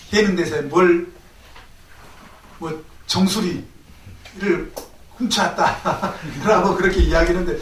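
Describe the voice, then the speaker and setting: A man's voice: high-pitched, a bit bright, slight background noise. A man giving a classroom lecture at a Buddhist college, often asking the class rhetorical questions. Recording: echoey room, mic at a distance.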